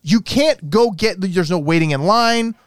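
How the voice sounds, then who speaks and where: A man hosting a casual chat and steering the topics, with an animated delivery. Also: high voice, measured pace, clean tone, no room sound, studio quality. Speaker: podcast host.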